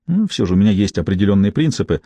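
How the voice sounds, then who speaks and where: A man's voice: on the low side, sing-song, very fast, mellow, breathy edge, dry recording. Man narrating a wry first-person audiobook. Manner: dry, ironic storytelling.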